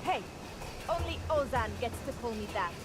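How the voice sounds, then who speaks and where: An actress playing a spirited, defiant young heroine in a video game, speaking emphatically. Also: female voice, a little high, animated, normal speed, natural voice. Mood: indignant. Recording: loud ambient noise behind voice.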